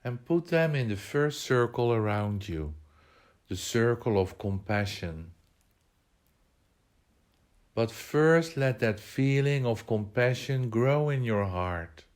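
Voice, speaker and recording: In this guided meditation, a man with a mid-range voice and lively intonation delivers calm, measured directions in short bursts, pausing between each one.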